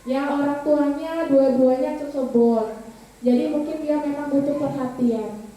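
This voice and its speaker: A woman teacher with a high voice shares stories from her classroom, turning often to her listeners. She sounds distant, with heavy echo in the room and a faint hiss under it. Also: unhurried, mellow. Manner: storytelling, addresses listeners as "Bapak Ibu". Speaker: teacher presenting to colleagues. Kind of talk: informal presentation with classroom anecdotes. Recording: very echoey room, voice from afar, faint noise.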